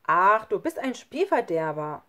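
Eine Frau spricht einen frechen kleinen Jungen. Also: female voice, on the high side, very animated, normal speed, pitched above the performer's own voice. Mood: teasing. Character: cheeky, mischievous young boy.

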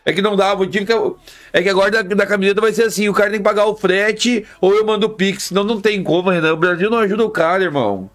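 High-voiced slangy male streamer. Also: rapid-fire, fairly bright tone. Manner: slangy, repetitive, talks straight to chat. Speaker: live streamer. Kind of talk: casual live-stream chat with viewers.

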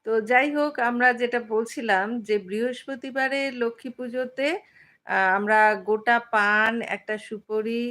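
A middle-aged woman from West Bengal hosting a casual live stream. She chats with viewers, uses many fillers and pauses often to read out their comments. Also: fairly high pitch, steady tone, a bit bright.

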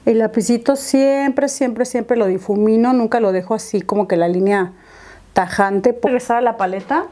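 A woman's voice: a little high, normal speed, mellow. Chatty woman doing makeup. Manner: chatty, explains each step to viewers. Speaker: beauty vlogger. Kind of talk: makeup tutorial chat.

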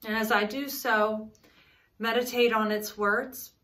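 A woman in her thirties, a pastor, leading prayer and reading scripture in a solemn, measured way from a small room at home. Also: on the high side, fairly even intonation, fairly bright tone. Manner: solemn, measured liturgical delivery.

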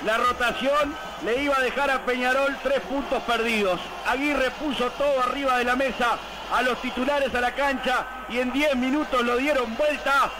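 A man's voice: very high-pitched, steady tone, normal speed. A Uruguayan man hosting a football broadcast, giving emphatic match commentary on a noisy live radio feed.

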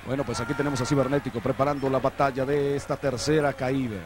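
A man's voice: mid-range voice, level tone, quick pace. A Mexican man doing live wrestling commentary in an emphatic, conversational way, bantering with a co-commentator. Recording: noisy 1990s TV arena broadcast.

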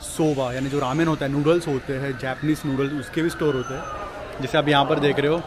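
A man's voice: medium pitch, steady tone, a little fast. A young man casually chatting to viewers while walking, filming himself with a handheld action camera outdoors. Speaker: vlogger. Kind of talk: casual walking travel vlog. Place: busy city streets at night and train platform, outdoors. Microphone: handheld action camera at arm's length. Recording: street noise behind. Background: city street and station noise.

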